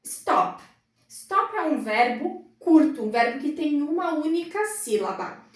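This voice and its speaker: A woman's voice: high-pitched, expressive, unhurried. A woman teaching English grammar in a classroom, explaining patiently at a whiteboard. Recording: roomy echo, mic far off.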